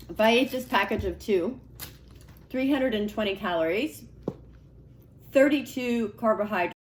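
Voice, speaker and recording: At a moderate pace and mid-range pitch, a cooking show host talks through her video in a relaxed, emphatic manner, sometimes drawing out her phrases. Faint background noise and echo fill the room.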